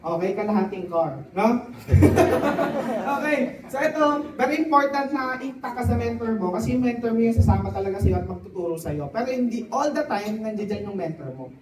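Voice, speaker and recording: A man's voice: sits high, expressive, recorded from a distance, background noise. Man testifying in an echoey hall. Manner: addresses the crowd with quick questions. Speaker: testimonial speaker at a sales event. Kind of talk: motivational testimony to a live audience.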